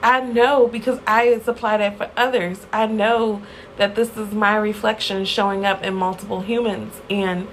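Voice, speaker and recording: A woman hosting her own podcast speaks in an effusive, heartfelt monologue at a middle pitch. She talks in loose casual chat, full of fillers and y'all. A faint hiss sits under the recording. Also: steady tone, normal speed, low-quality recording. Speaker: podcast host.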